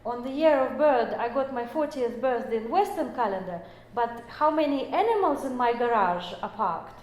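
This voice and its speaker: A woman's voice: on the high side, animated, normal speed, a little mellow. A woman in her forties giving an explanatory lecture, speaking English as a with many fillers and self-corrections. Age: 40s. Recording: echoey room.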